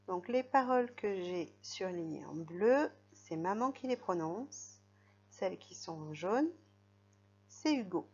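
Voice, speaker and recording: A woman's voice: lowish voice, expressive, slow, darkish tone. A woman teaching young children to read, patiently guiding them through the text and spelling out letters and syllables. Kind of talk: reading lesson for young children. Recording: dull lo-fi recording.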